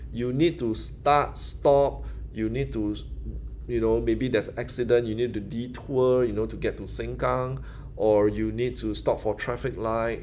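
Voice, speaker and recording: A Singaporean man with a local English accent hosts a live Q&A as a manifestation teacher. His voice is lowish and a little mellow, with a bit of hiss or hum on the audio. He teaches in a chatty, loose way, restarting phrases and saying "you know."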